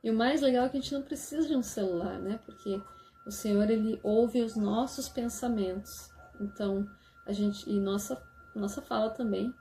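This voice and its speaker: A woman gently explaining church lessons for parents to teach their children, often checking in with a soft "né?". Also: mid-range voice, normal speed, a little hiss or hum. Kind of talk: casual instructional talk.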